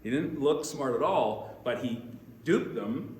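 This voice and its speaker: A man teaching a church class, talking in an energetic, chatty way and often restarting his phrases. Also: medium pitch, takes it slowly, roomy sound, a little hiss or hum.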